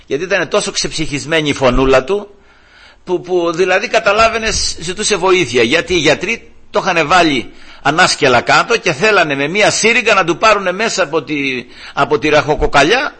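An older man, a grandfather, preaching and telling a heartfelt story to his congregation, warm and emotional with many restarts. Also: fairly high pitch, slightly rough. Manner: emotional, animated, restarts often. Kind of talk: storytelling sermon.

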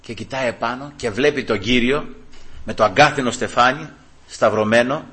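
Older male preacher, sixties, sermon delivery, bright and forward tone, lively rhetorical questioning. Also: mid-range voice. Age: 60s. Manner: animated, rising to emphatic rhetorical questions.

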